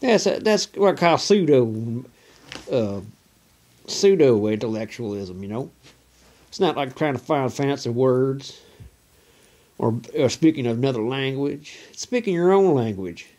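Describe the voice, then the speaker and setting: A man talks in a put-on Southern redneck drawl, loose and folksy. His voice sits at an ordinary middle pitch. He rambles casually into a phone, peppering every thought with "you know.". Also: animated, unhurried, a little mellow. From Oregon, US. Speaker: vlogger. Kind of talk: casual rambling monologue to camera.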